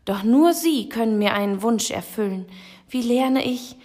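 A woman's voice: on the high side, expressive, unhurried, a little mellow, pitched above the performer's own voice. A woman reading aloud and voicing a tiny, timid female mouse with a small, eager, pleading manner. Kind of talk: storybook read-aloud.

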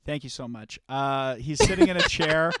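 A man's voice: medium pitch, wildly swooping pitch, moderate pace, fairly bright tone, slight background noise. A young man co-hosting a podcast, telling stories in loose, profane casual chat and laughing often. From Canada. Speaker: podcast co-host.

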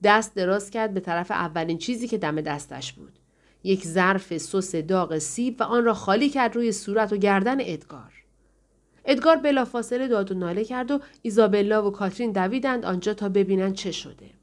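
A woman narrating an audiobook in steady storytelling fashion, voicing the characters in turn. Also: medium pitch. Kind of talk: scripted narration.

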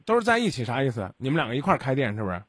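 A man's voice: mid-range voice, very animated, racing, slightly rough, no echo, studio quality. A man hosting a radio call-in advice show, scolding and lecturing a caller bluntly.

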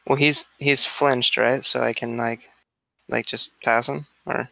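A man's voice: medium pitch, little pitch movement, measured pace, gravelly, pushed and bright, no echo. A man playing in a tabletop game, explaining his character's move in a laid-back, joking way. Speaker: player. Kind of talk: casual tabletop game play.

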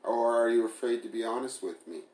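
A man's voice: mid-range voice, fairly quick, darkish tone, lightly acted. A man voicing a hurt, sarcastic young woman who confronts her partner, speaking in a pleading, bitter way. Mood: hurt, pressing. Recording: roomy echo.

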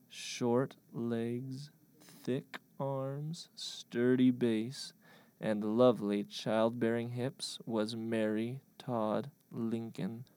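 A man narrating a mock-historical comic tale in a deadpan, mock-grand manner. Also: medium pitch.

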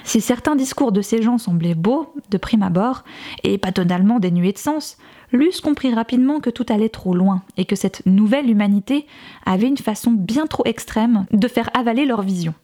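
A woman narrating an audiobook in a measured, expressive reading style. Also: a little high. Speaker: audiobook reader.

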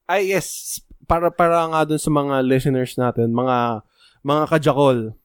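A young man co-hosts a podcast, joking playfully and addressing listeners directly in casual Tagalog-English chat. His medium-pitched, clear, resonant voice moves a little slowly. The studio recording is clean with no room sound.

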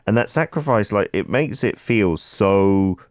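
A man's voice: lowish voice, expressive, unhurried, no room sound, clean studio sound. A man co-hosting a casual talk about poetry, speaking in a reflective, conversational way. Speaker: podcast co-host. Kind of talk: casual chat about literature.

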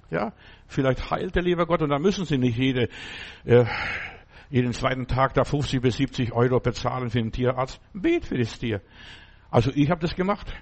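A middle-aged man preaching a sermon in a folksy, rambling way, often asking his listeners whether they understand. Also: a little high.

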